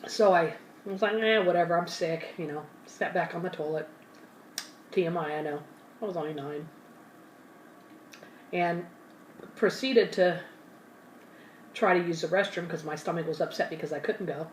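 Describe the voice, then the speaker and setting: A woman's voice: fairly low pitch, moderate pace, pauses often, distant mic, slight background noise. A woman hosting an ASMR channel, telling a story in a casual, rambling way while eating, sometimes talking with her mouth full and correcting herself. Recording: roomy and from the mic, faint ambience.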